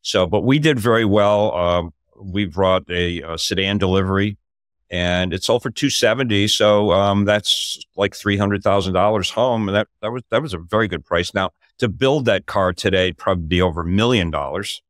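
An older podcast host with a deep voice speaks at normal speed, telling a story in casual talk over a video call from his home office. Excitement makes his voice rise, and the studio-quality recording has no echo.

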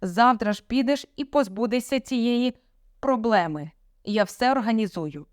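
A woman's voice: fairly high pitch, lively intonation, measured pace, dry recording, studio quality, voice pushed up. A woman voicing a furious domineering father. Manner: shouting, sarcastic, commanding. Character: stern domineering middle-aged father, furious.

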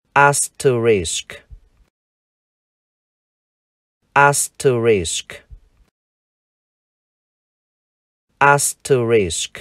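A Vietnamese man teaching English, who reads each word slowly and repeats it for learners to copy. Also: mid-range voice, no echo, clean studio sound. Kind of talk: vocabulary lesson, slow model pronunciations.

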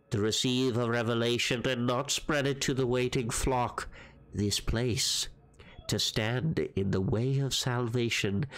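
A man putting on a creepy voice to read out the writings of a male religious fanatic, slow and drawn out. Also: mid-range voice. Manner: slow, drawn-out ominous reading. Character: creepy male fanatic preaching dark scripture.

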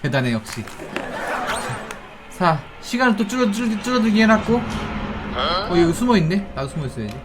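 A gaming host playing along with children, giving excited, exclamatory game commentary and saying each fear and next move aloud. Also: mid-range voice, moderate pace, long pauses, over music. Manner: exclamatory, narrates own fear and next moves.

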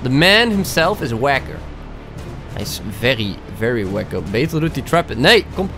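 A young man with a Dutch accent, commentating his own gameplay, excitable, swearing and dropping English slang into his talk. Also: medium pitch, normal speed, music in the background. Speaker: gaming YouTuber.

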